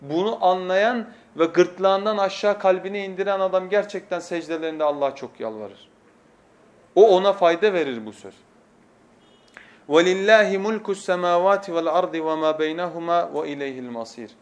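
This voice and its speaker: A man preaching from a pulpit microphone, teaching with passion and moving from hushed tones to emphatic oaths, with quick scriptural recitation. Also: sits high. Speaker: preacher teaching a lesson series. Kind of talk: sermon lecture.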